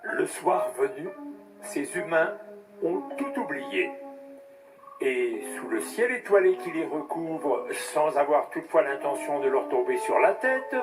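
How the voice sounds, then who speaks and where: A man narrating an audio drama in a measured storytelling manner. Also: a little high, animated. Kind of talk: scripted narration. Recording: narration over music, slightly distant.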